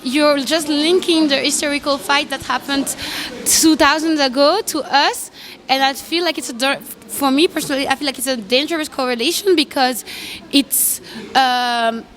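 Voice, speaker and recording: A woman from Congo, not a native English speaker, arguing her point in a debate with frequent pauses and searches for words. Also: high-pitched, a bit bright. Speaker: debate participant. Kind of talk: street debate.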